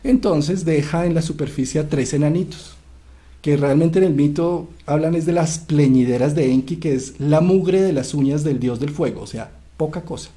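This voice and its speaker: Mellow-voiced man retelling a myth. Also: on the high side, normal speed. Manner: animated retelling, frequent "¿sí?" checks. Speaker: psychiatrist. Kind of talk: lecture-style storytelling.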